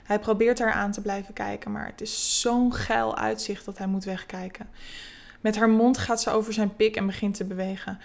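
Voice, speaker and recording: A woman reading an erotic story aloud in a soft, slow, intimate way. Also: medium pitch, fairly even intonation, gravelly. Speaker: narrator.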